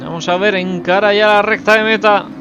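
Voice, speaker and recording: Guy with a high voice doing live race commentary, calling the action, engine noise behind him. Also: fairly even intonation, a little fast. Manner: motorsport commentator calling the action, exclaiming at position changes. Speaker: sim racing commentator.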